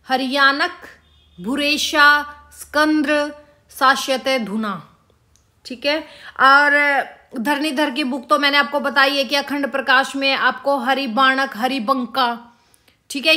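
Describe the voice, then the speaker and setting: A woman's voice: sits high, sharp tone. A woman teaching an exam-prep lesson, repeating key words and quizzing her students with questions. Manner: calls students "beta".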